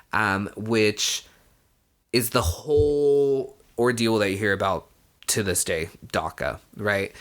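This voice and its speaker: A young Mexican-born man vlogs to camera, telling his own story casually and conversationally. His voice sits on the low side with a slightly bright edge, and he scatters "you know" and the occasional swear word throughout.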